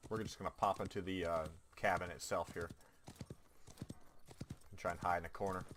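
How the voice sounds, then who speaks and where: Bright-voiced joking male game streamer. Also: low-pitched, steady tone, moderate pace, slight background noise. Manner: chatty, jokey, laughs often. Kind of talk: casual gameplay commentary.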